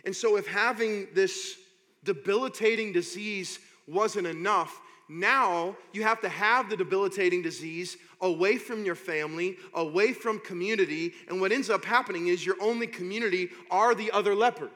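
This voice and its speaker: A man preaching a sermon as pastor, reading scripture slowly and building to loud, impassioned preaching. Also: high voice. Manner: reads scripture slowly and deliberately. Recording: long hall reverb.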